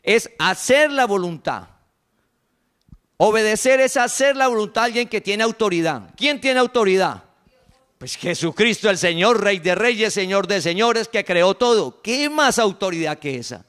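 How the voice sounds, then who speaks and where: A woman with a Santander Colombian accent delivers a sermon in an emphatic way. She keeps asking her listeners rhetorical questions. When she quotes other people, she drops into a lower, acted-out tone. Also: lively intonation, moderate pace, a bit bright. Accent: Santander Colombian Spanish. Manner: acts out quoted voices in a lowered tone. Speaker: preacher.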